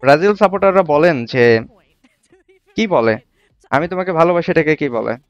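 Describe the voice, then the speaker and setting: A man hosting a casual live stream, chatting with viewers and reading their comments out as he quizzes them. His voice is smooth and clear, a little higher than most men's. The sound is dry and close, with no room echo. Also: lively intonation, normal speed, lo-fi sound. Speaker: livestream host.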